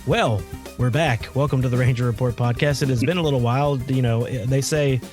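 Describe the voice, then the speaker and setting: A man's voice: medium pitch, a little fast, darkish tone, faint music behind. A man co-hosting a sports podcast, sounding congested after a cold and chatting casually. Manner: chatty, rambling. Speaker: podcast co-host. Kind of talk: casual chat.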